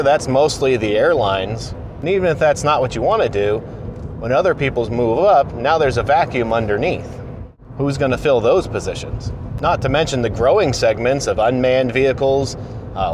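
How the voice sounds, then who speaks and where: In a casual commute vlog, a man in his late thirties who is an apprentice aircraft mechanic talks to a dashboard-mounted camera inside his car, plain-spoken, direct and encouraging. His voice is mid-range. The recording carries clear road noise, with car and road sounds in the background.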